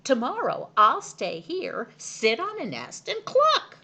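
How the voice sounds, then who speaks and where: A woman's voice: sits high, huge pitch swings, takes it slowly, sharp tone, pitched above the performer's own voice, full character voice. A woman voicing an earnest, eager male peacock from a children's storybook. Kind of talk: children's storybook character reading.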